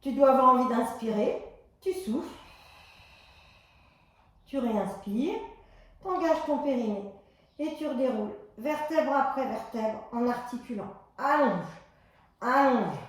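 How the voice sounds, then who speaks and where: A woman with a high voice leads a floor exercise class, calling out calm, step-by-step cues timed to the breath. Her voice rings around a very echoey exercise room. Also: measured pace, long pauses. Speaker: fitness instructor.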